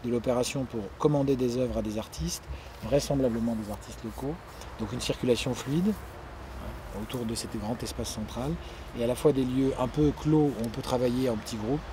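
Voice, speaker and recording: A local official with a mid-pitched voice informally explains a building project to visitors, often pausing to find his words. Urban noise and passing vehicles are clearly audible around him outdoors.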